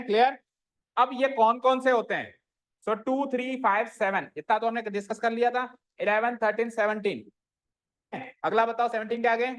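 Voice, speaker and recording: A man's voice: sits high, a bit bright. Man teaching maths, quizzing students. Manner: quizzes students and repeats answers back; mixes English maths terms into Hindi. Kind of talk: classroom maths lesson.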